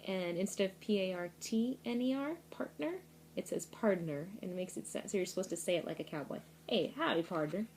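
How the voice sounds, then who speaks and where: Woman teacher, storytime read-aloud, lively and explanatory, medium pitch. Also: fast, few pauses, a little hiss or hum. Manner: expressive storytelling with asides explaining words. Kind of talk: reading a picture book aloud to students.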